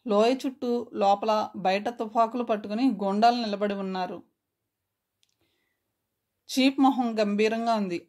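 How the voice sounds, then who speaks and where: Woman narrating a story, fairly high. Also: darkish tone.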